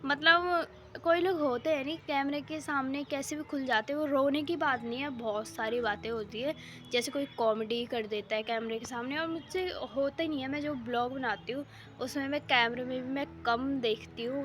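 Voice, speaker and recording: A woman's voice: high-pitched, fairly even intonation, moderate pace, a bit bright. Chatty young woman vlogging from a rooftop. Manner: chatty, rambling, full of fillers. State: sore throat. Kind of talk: casual daily vlog chat. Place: home rooftop, outdoors. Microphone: phone held in hand.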